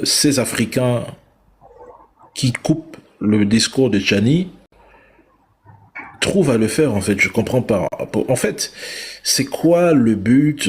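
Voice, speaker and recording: A man hosting a live talk show, speaking in a measured, reflective way. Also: medium pitch, breathy edge. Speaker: host.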